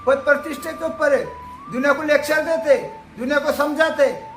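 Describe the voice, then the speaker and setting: A man's voice: very high voice, fairly even intonation, moderate pace, a bit bright, roomy sound, soft background music. A man giving an emphatic, preachy monologue and telling stories in casual talk. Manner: emphatic, preachy, storytelling with acted quotes.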